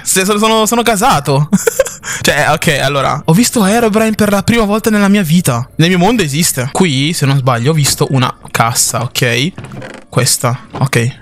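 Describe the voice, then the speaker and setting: A young man doing excitable let's-play commentary on a horror game, jumpy and full of slang, yelping at scares. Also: a little high. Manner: jumpy, yelps and shouts at scares, lots of slang. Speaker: gaming YouTuber.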